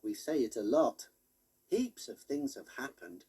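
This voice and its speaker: Male audiobook narrator, lively pitch, husky tone, unhurried. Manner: expressive, animated. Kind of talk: storybook reading.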